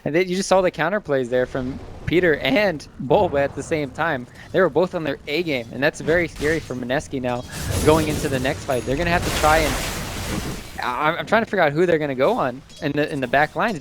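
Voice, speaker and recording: A man's voice: fairly high pitch, a bit bright, a little hiss or hum. A man giving live analysis as a co-commentator on a video game match, conversational and thinking aloud as he restates his points.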